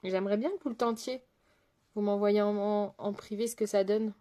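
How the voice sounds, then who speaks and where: In a dark-toned, medium-pitched voice with fairly even intonation and a moderate pace, a woman makeup artist chats casually through a live tutorial. She answers viewers' comments while working, using lots of fillers and letting sentences trail off.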